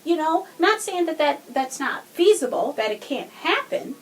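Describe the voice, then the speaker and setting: Her voice sits high and swings widely in pitch as this woman, co-hosting a true crime podcast, argues her case casually and with emphasis at a moderate pace.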